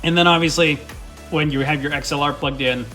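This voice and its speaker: A man's voice: fairly high pitch, steady tone, fairly quick, bright, forceful tone, soft background music. A young man and streamer giving a casual, enthusiastic tour of his home desk setup, swearing now and then as he rambles through his gear, recorded on a studio mic. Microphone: studio USB/XLR dynamic mic.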